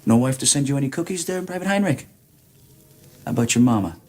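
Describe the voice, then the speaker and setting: An actor playing an easygoing American soldier in a film drama, with a folksy, teasing, card-dealer drawl. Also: male voice, medium pitch, lively intonation, fast, a little mellow, lightly acted. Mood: wry, playful.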